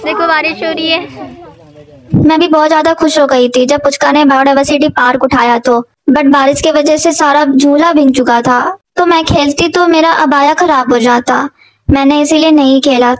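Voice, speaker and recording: A woman's voice: high-pitched, fairly even intonation, moderate pace, poor audio. A young woman narrating a family birthday vlog as a casual voice-over, chatty and doting, talking straight to her viewers. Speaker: vlogger, aunt narrating a child's birthday.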